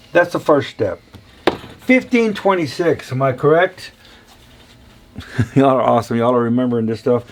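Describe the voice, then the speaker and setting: A man's voice: medium pitch, slight background noise. A man, casually demonstrating engine balancing in a workshop in a playful, chatty way. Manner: chatty, playful, talks to viewers as y'all. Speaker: machinist teaching engine balancing. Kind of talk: casual hands-on shop demonstration.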